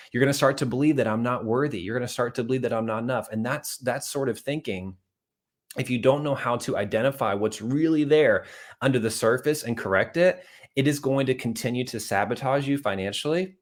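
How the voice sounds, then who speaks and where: An earnest man speaks at a brisk pace in a medium-pitched voice, preaching about money and faith in a motivational video for viewers. He keeps it conversational, with frequent asides to "guys," little acted-out dialogues and anecdotes.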